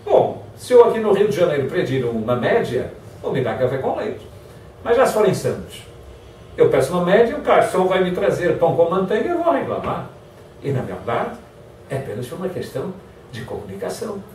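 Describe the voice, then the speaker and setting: A man's voice: high voice, fairly quick, slight background noise. A man giving a motivational lecture, acting out example phrases in different tones. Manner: lively, acts out example phrases in varied tones. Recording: echoey hall from far off.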